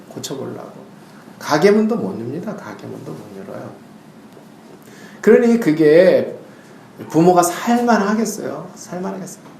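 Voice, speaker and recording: A male pastor preaching a sermon, telling stories in an animated way and now and then crying out loud. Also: high-pitched, echoey room, slight background noise. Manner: animated storytelling, bursts into loud acted cries.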